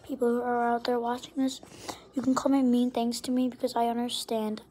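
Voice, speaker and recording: A teenage girl or young woman vlogs to camera in casual talk, sounding whiny and dramatic and sometimes dropping to a whisper. Her voice is on the high side, mellow, a little fast and flat in delivery, with slight background noise.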